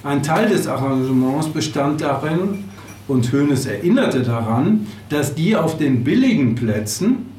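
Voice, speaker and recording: A man's voice: fairly high pitch, very animated, measured pace, a little mellow, a little hiss or hum. A man reading from his book in a bar, with hesitations and fillers, sometimes breaking off into loose asides. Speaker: author giving a reading. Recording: roomy bar, distant mic, faint ambience.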